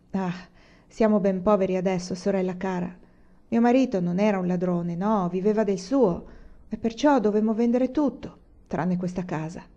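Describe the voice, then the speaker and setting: A woman's voice: mid-range voice, mellow, highs cut off, natural voice. Woman reading as a proud, weary widow. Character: poor middle-aged widow of a bandit, proud, weary.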